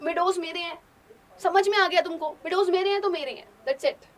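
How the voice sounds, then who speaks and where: A woman's voice: extremely high pitch, normal speed. A woman voicing an anxious, short-tempered young landowner man in an insistent, agitated argument.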